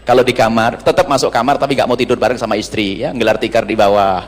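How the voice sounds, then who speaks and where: A man's voice: mid-range voice, fairly even intonation, fast talker. A man preaching a sermon to an audience, teasing and humorous. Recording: long reverb of a large hall.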